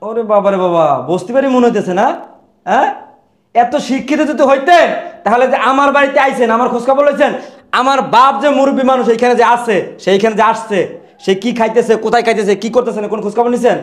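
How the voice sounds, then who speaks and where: An actor playing a hot-tempered husband who rough-talks and scolds his wife and her relatives over his father. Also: very high voice, fast talker, echoey room. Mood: angry scolding. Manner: shouting, scolding, rough colloquial speech. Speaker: angry son defending his father.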